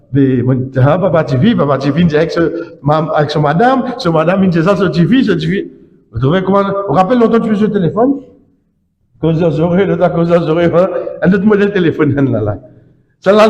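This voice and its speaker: A man's voice: fairly high pitch, a little mellow, muffled recording. A man giving an Islamic sermon as imam, emphatic and repetitive, with frequent tag words. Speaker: imam preacher. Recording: echoey hall with long reverb.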